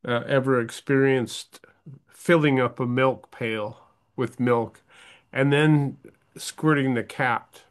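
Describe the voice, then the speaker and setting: A man's voice: medium pitch, steady tone, slow pace. A man interviewing two dairy farmers, asking questions in a friendly, curious way.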